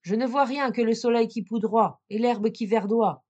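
A woman voicing Sister Anne, a young woman calling down from a tower, mostly calm in a storybook reading. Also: on the high side, moderate pace, breathy edge, dull audio.

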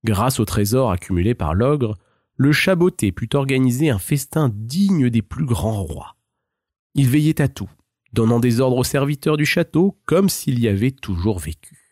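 A man narrating a fairy tale in a measured, expressive storybook style. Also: mid-range voice, dry recording, studio quality.

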